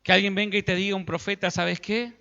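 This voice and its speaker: A man's voice: high-pitched, little pitch movement, racing, vocal fry, bright, forceful tone, big-room sound, highs cut off. A man with an Argentine Spanish accent, preaching a sermon as pastor and acting out biblical dialogue in everyday speech. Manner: preaching, acts out biblical dialogue in colloquial voices.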